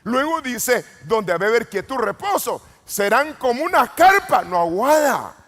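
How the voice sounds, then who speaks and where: A man preaching a Pentecostal sermon as an apostle, swinging from low murmurs to sudden shouts and calling out questions to the congregation. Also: very animated, a little slow. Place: church retreat hall. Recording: long hall reverb.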